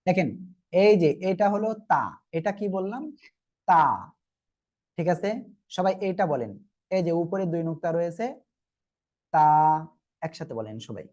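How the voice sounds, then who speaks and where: A man's warm voice sits high and moves a little fast as he teaches Arabic letters in a Quran reading lesson. He has a Bangladeshi Bengali accent and is patient, repeating things and making sure learners follow.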